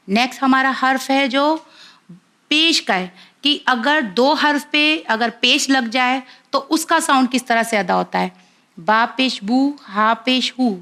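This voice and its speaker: A woman teaching children to read the Quran, slowly spelling out each syllable and repeating it with patience. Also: high-pitched, fairly bright tone. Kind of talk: slow, careful lesson for children.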